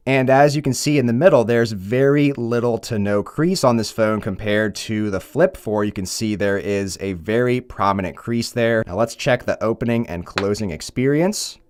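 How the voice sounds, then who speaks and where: A man's voice: fairly low pitch, no room sound. A man giving a casual, upbeat product review in a conversational, approving way. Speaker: tech reviewer.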